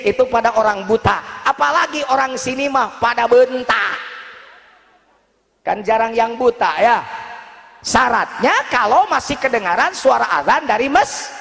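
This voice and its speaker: A man delivers a loud, animated, joking sermon. His voice is very high and gravelly. It rings through a hall with a long reverb. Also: a little slow. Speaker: Islamic preacher.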